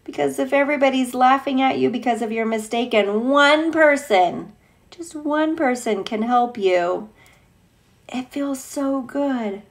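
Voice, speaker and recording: Pitched high and at a measured pace, a woman teacher reads a picture book to young kids. The delivery is lively and fun, sprinkled with gushing, conversational asides.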